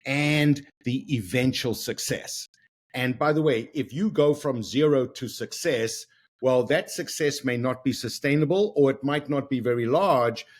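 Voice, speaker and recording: A man hosting a podcast and chatting with a guest over a video call. His voice sits in an ordinary middle pitch, and he talks in an upbeat, conversational way, fond of rounding things off with a quote. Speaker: podcast host. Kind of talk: casual interview chat.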